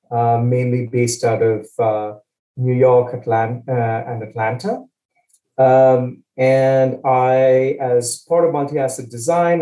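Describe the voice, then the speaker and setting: A middle-aged man from India speaks in a mellow, dark tone, relaxed and easygoing in a casual interview. He uses a lot of ums and uhs and jokes a little. The room sounds echoey. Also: medium pitch. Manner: relaxed, joking, many fillers. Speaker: guest, asset manager.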